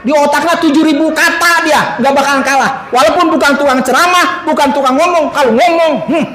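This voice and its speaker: High-voiced joking preacher in an echoey mosque. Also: male voice, fairly bright tone. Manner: joking, teasing the audience with animal impressions. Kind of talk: humorous sermon to a congregation. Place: mosque hall. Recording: echoey mosque hall sound.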